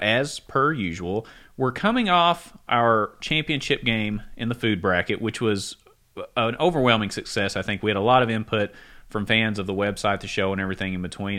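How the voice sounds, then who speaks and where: A man's voice: medium pitch, big pitch swings, a little fast, sharp tone. A man co-hosting a casual podcast, teasing his co-host with dry sarcasm over drinks at a desk mic. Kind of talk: casual chat. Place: studio room with mics, drinking bourbon on ice. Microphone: desk microphone.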